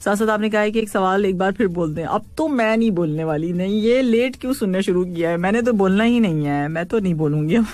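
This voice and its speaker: A woman's voice: medium pitch, fast talker, hardly any pauses, a little mellow, no room sound. A woman hosting a radio call-in show, reading listeners' messages and teasing them playfully, laughing often. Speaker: radio host.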